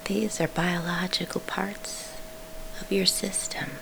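A woman leading a guided sleep meditation in a soft, soothing whisper, pausing between short phrases. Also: on the low side, steady tone, gravelly, noisy background.

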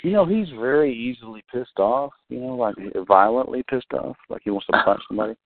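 A man's voice: medium pitch, a little hiss or hum. Teasing man on a phone call. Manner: joking, teasing, quick to quote others. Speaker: call-in show participant. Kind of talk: casual group call chat. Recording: phone-line audio.

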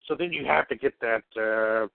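A man co-hosting a podcast in crude casual banter, rambling in a deadpan way with frequent fillers. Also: medium pitch, moderate pace, gravelly, no echo. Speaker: podcast co-host. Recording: dry, phone-like narrow sound.

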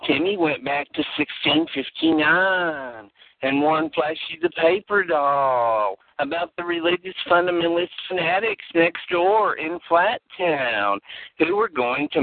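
Sweet sing-song kiddie-show aunt played by a man, high and swooping, tinny phone-like sound. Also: expressive, unhurried, no room sound. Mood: sugary. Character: chirpy aunt-like teacher on a kids' show. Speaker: children's history-lesson host. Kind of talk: comedic kids' show parody.

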